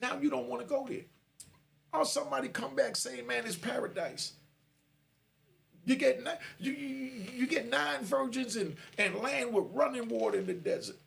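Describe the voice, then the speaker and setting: Preaching warnings to young listeners in a monologue aimed straight at the camera, a former prisoner in his fifties has an extremely high, creaky, slightly bright voice with lively intonation, at normal speed.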